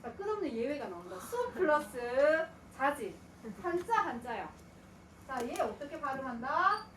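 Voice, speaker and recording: Animated high-voiced woman teaching grammar. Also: a little slow, a little hiss or hum. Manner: asks and answers her own questions, voicing students. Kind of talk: lecture. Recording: echoey room, mic at a distance.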